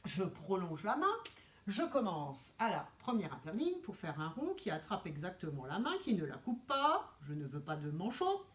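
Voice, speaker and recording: A woman kindergarten teacher guiding young children through handwriting letters step by step, precise and gently firm. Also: lowish voice, wildly swooping pitch, normal speed, roomy sound. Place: classroom.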